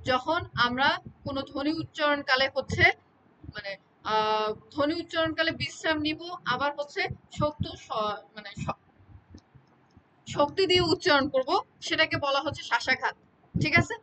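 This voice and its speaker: A woman's voice: high-pitched, pushed and bright, slight background noise, rough recording. A woman teaching an exam-prep lecture, explaining with repeated examples and often checking that students follow.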